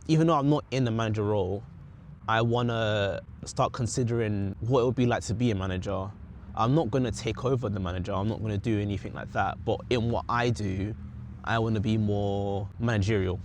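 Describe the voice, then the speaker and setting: In a casual talking-head vlog, a young British man rambles about his goals and keeps correcting himself partway through sentences. He has a lowish voice with a darkish tone, and there's slight background noise.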